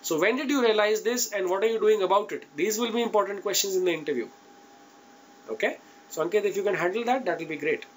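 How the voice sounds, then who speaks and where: An Indian-accented interview coach teaching an online class speaks fast in a high-pitched male voice over slight background noise. His advice to students is informal, direct and emphatic, and he often checks in with his listeners.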